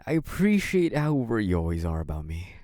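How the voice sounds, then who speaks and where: A male actor leads a dramatic first-person audio roleplay as a young mafia heir, sly and polite, whose feigned naive courtesy hides cunning and possessive menace. He begins nervous, hesitant and apologetic, then turns smug and taunting, with lively pitch movement at a slightly fast pace. The sound is very dry and intimate, with no room sound.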